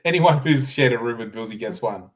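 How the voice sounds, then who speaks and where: A man with a mid-pitched voice chats casually among friends. He is slangy and matey, always ready to tease. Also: expressive, brisk. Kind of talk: casual chat.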